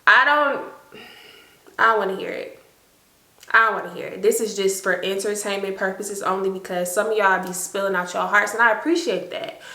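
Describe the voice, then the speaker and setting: A woman's voice: mid-range voice, moderate pace, pushed and bright, reverberant, poor audio. A woman in her late twenties telling a storytime to her viewers in casual chat, chatty and emphatic. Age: late 20s.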